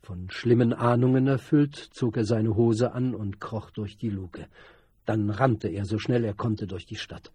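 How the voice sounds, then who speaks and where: A man reads a novel aloud in a measured, even way. His voice is low, dark and husky. The recording is dry and close. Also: dry recording. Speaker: audiobook narrator. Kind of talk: scripted narration of a novel.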